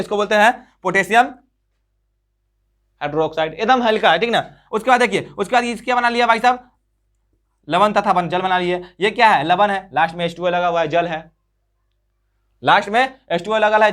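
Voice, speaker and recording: A man gives a school exam lesson in a high-pitched voice. He drills each point with repeated rhetorical questions, answers them himself, and calls his listeners brother. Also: fairly bright tone. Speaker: teacher. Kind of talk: board exam chemistry lesson.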